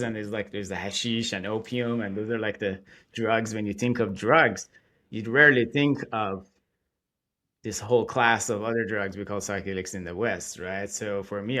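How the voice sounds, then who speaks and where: A man, talking casually and animatedly as a podcast guest. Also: on the low side. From Iran. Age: 40s. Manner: animated, chatty, laughs between thoughts. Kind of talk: casual interview talk.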